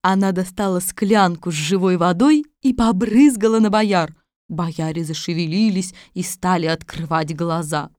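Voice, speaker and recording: A woman narrating a fairy-tale audiobook in a lively, expressive way. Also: fairly low pitch, normal speed, dry recording, studio quality. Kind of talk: scripted storybook narration.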